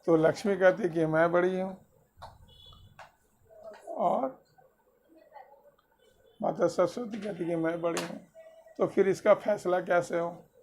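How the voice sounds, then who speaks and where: Unhurried guy telling kids a story on a video call, keeps asking them questions. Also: high voice, a little mellow, slight background noise. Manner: quizzes listeners mid-story; mixes simple English with Hindi. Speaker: storyteller teaching children. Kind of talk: spiritual story told to children.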